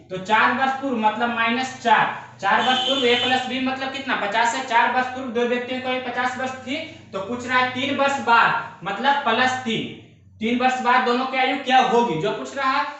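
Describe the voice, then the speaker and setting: Speaking briskly, a young adult man with a very high, bright and forceful voice and fairly even intonation leads an exam-prep math class. He goes step by step, repeats himself a lot and asks rhetorical questions, all in a very echoey room.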